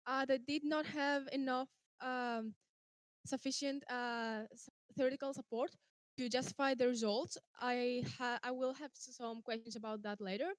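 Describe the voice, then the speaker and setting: A woman's voice: sits high, fairly even intonation, normal speed, clean tone, no room sound. A young woman from Greece giving a methodical, point-by-point critique as a team's opponent over a video call. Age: young adult. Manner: structured, methodical listing of points. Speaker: opponent in a student science tournament.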